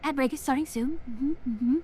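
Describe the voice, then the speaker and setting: A woman's voice: high-pitched, moderate pace, darkish tone, slightly rough. A woman livestreaming a game in a cute anime-streamer manner, chatting casually as a witch persona. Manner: reads titles aloud and murmurs reactions to them. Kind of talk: casual livestream chat while playing.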